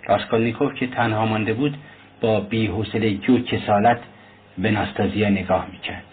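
A man reading a novel aloud in a steady, literary narration. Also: fairly low pitch. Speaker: audiobook narrator. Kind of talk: scripted narration. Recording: tinny lo-fi recording, faint hiss.

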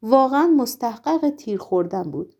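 Lady doing a blunt no-nonsense hitman guy, shrugging it off, mellow tone. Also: on the high side, animated, husky. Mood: offhand. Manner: curt, offhand. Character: curt deadly gunman, male.

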